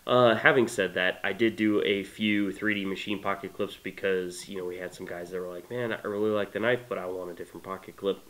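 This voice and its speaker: Speaking a little fast with few pauses, a deep-voiced man in his thirties talks to camera about a knife he made. He's congested from a cold but relaxed and enthusiastic, filling his casual product talk with "uh" and "you know" in a small indoor room.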